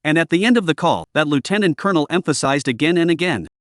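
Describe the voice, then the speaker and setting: A man narrating a dramatic recap story in a scripted, animated reading style. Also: a little high, fast, dry recording, studio quality.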